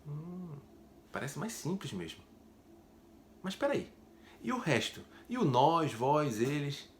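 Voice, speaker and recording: A man's voice: a little high, sing-song, slow pace, slight background noise, pitched above the performer's own voice. A man voicing a skeptical male student who asks doubtful questions in a language lesson.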